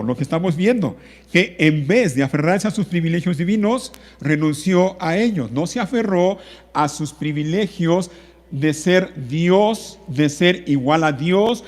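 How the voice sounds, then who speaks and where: A man's voice: on the high side, a little mellow, in a large hall. A man preaching a sermon as pastor, speaking with emphatic repetition and drawing out key words. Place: church.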